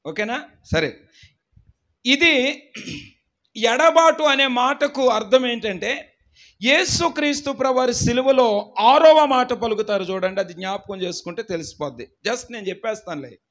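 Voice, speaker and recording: A man with a strikingly high voice and a hoarse, worn throat leads a Bible study class. He speaks slowly and deliberately, quizzing his students and urging them to answer aloud. He now and then rises into emphatic shouted lines. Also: animated. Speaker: pastor teaching a Bible class.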